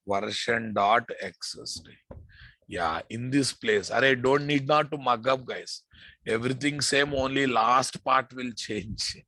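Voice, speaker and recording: A man with an Indian accent teaches a live programming class in a forceful, bright voice. His delivery is slow and deliberate, and he often repeats phrases for his students. The sound is close and dry. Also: medium pitch, no room sound. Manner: repeats phrases, addresses listeners familiarly. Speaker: programming instructor. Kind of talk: informal live classroom lecture.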